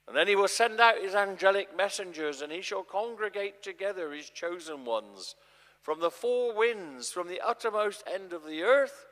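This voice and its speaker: A man reading the part of Jesus in a dramatic scripture performance, as a solemn, urgent teacher who prophesies with weighty, deliberate phrasing. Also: a little high, a bit bright. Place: large church, live performance. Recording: long church reverb.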